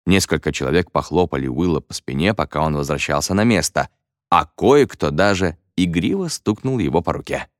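A man reads a story aloud with expressive, playful delivery. His voice sits very low yet rises and falls in a lively way. The sound is dry and close, with no room echo. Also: a little fast. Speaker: audiobook narrator. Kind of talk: scripted audiobook narration.

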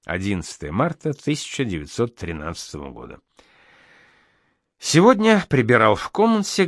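A man reads old letters and telegrams aloud in a mid-pitched voice. His delivery swings widely and expressively. The recording is dry and close. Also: no echo. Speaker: reader.

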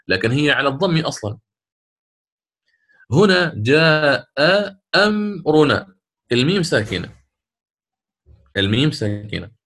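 A man teaching Quran recitation in a recorded lesson. He explains each rule step by step and chants short verse examples slowly. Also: mid-range voice, fairly bright tone.

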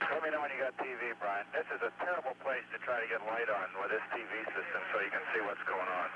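An astronaut in orbit talking matter-of-factly over a breaking-up space radio downlink, explaining things step by step. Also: male voice, medium pitch, fast talker. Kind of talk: live air-to-ground radio exchange. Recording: muffled, heavily hissing radio downlink.

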